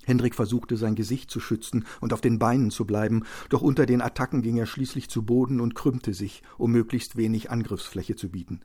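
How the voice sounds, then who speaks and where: A man reading a novel aloud as an audiobook narrator, with steady, tense storytelling. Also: medium pitch, fairly quick, few pauses, slightly rough. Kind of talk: scripted narration.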